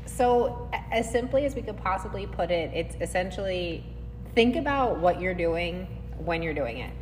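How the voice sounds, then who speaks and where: A woman's voice: expressive, normal speed, soft background music. A woman who coaches fitness, co-hosting a casual podcast recorded in a gym. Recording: echoing gym, long reverb, faint rumbling noise.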